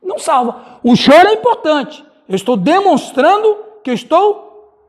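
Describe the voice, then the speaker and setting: A man's voice: extremely high pitch, big pitch swings, normal speed. A male pastor with a Brazilian Portuguese accent, teaching a Bible study and calling on listeners by name.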